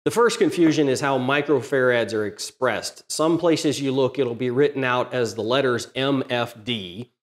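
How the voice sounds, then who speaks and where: A middle-aged man hosting a DIY welding channel methodically explains a welder modification to camera in his home workshop. He has a medium pitch and moderate pace with hardly any pauses, and his talk is plain and technical.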